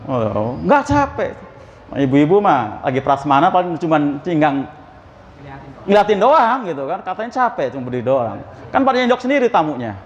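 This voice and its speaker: A man's voice: a little high, very animated, normal speed, in a large hall. A man preaching in a mosque. He talks in a chatty way, asks the congregation questions and acts out the dialogue of the people in his story. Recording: slightly dull, faintly noisy.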